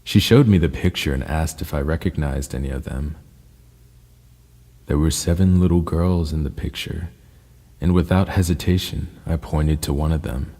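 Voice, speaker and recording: Very deep, gravelly-voiced man narrating horror. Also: mellow. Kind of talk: scripted scary story narration. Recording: long reverb with faint ambient noise.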